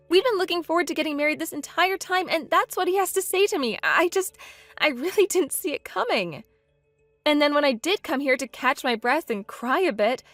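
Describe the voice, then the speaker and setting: A woman plays a wounded, indignant bride with a high voice, speaking in an upset, pleading way. The sound is dry and close, with faint music underneath in this text-message story. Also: no room sound. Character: hurt, indignant young bride.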